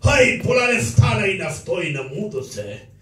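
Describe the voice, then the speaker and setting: A man voicing a sly, overly polite foreign merchant in a shadow puppet play, speaking in halting, broken phrases full of "eh". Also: sits high, big pitch swings, bright, forceful tone, distant mic, heavily acted. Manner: halting, broken speech with many "eh" fillers. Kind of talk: Greek shadow puppet theatre. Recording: roomy live stage from afar.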